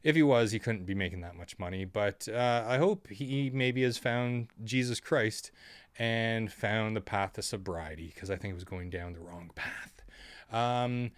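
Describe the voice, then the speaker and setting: A man's voice: fairly low pitch, smooth, no echo. A musician, a man, telling rambling stories to camera in a sardonic, offhand way, with lots of ums. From Canada. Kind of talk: casual storytelling monologue.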